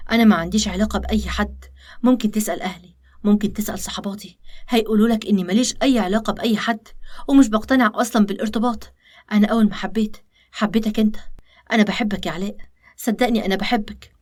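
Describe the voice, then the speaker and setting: A woman with an Egyptian accent voicing a scheming young woman who pleads insistently with the man she loves, in an animated story. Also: medium pitch, rapid-fire, natural voice. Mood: pleading. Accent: Egyptian Arabic.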